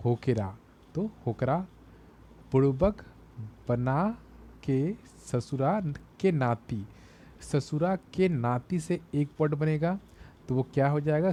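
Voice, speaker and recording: This is a man with a Bihari Hindi accent teaching exam memory tricks. He speaks unhurriedly in a warm, relaxed tone and repeats each key word. A faint hiss sits under the recording. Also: on the high side. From Bihar, India. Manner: explains slowly, repeats key words.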